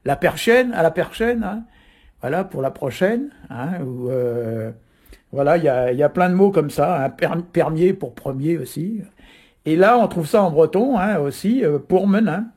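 A man from Brittany explains words on radio, pausing often on fillers as he thinks aloud. His voice is mellow and somewhat husky, pitched a little higher than most men's. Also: lively intonation. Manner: hesitant, filler-heavy, explanatory. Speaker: Breton language guest teacher.

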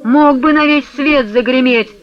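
A man voicing a hot-tempered old merchant who scolds and coaxes loudly, in a radio reading. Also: high voice, animated, a little slow, highs cut off. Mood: scolding. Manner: loud, scolding, coaxing.

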